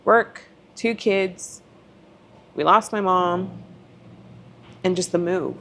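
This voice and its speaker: This podcast guest has a lowish, fairly bright voice and talks slowly, with a bit of noise behind her. Her personal account is candid and emotional, full of reenacted exchanges and the odd curse word.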